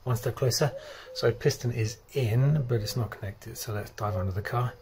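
A middle-aged man talking casually while he rebuilds a car engine outdoors, thinking aloud with pauses and fillers. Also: mid-range voice, crowd noise. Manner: thinking aloud, stop-start explaining with fillers. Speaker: DIY car mechanic. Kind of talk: casual workshop explanation. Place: outdoor driveway.

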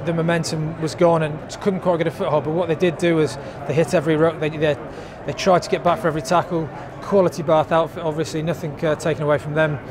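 A man in his thirties, a rugby club captain, giving a post-match interview in a stadium stand, measured and thoughtful with many fillers. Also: on the high side. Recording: outdoor stadium with crowd noise. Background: crowd murmur.

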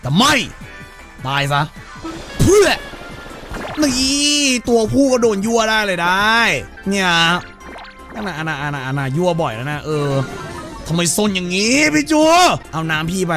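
A man's voice: high voice, big pitch swings, normal speed, fairly bright tone, faint music behind. A man streaming a game, joking crudely and putting on silly voices for the characters. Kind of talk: let's-play commentary.

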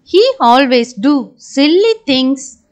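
A woman's voice: sits high, lively intonation, slow. A woman voicing a cheerful schoolchild in a school puppet show. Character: cheerful schoolchild Kavi, friendly.

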